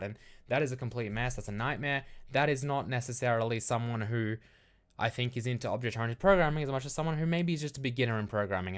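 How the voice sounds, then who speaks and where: A young man chatting casually on a live stream, answering chat questions in a rambling, frank way full of fillers. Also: medium pitch.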